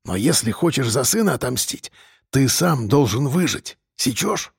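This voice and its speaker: A man's voice: medium pitch, lively intonation, moderate pace, vocal fry, husky, no echo, clean studio sound, full character voice. A man voicing a scheming, streetwise male convict who talks in slang and presses with questions. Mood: wheedling.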